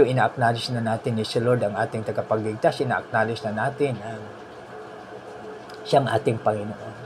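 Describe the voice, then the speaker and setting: A man preaching a sermon, telling stories in an animated way, mixing in English phrases and ending points with "no?". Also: a little hiss or hum. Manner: animated storytelling, voice rising high when quoting people; mixes English phrases into the preaching, frequent "no?" tags.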